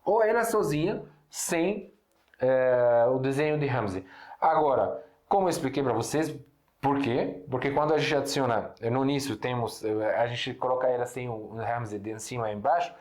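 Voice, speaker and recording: A young man from Syria, whose native tongue is Arabic, teaches Portuguese online with an Arabic accent in a medium-pitched, darkish voice at a moderate pace. He patiently explains, asks himself rhetorical questions and often self-corrects. The room is echoey.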